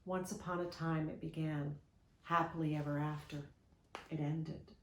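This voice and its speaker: Gentle woman reading a storybook aloud. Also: deep voice, flat delivery, unhurried, noisy background. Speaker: storyteller reading a children's book. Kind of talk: reading a picture book aloud. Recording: roomy echo.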